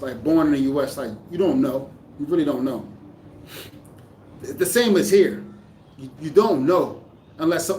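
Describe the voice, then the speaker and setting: A vlogger living in the Dominican Republic talks casually to his camera, thinking aloud, rambling and often restarting his sentences. His voice is a little high for a man and sounds somewhat distant. The room echoes, with a faint hum of ambience behind him.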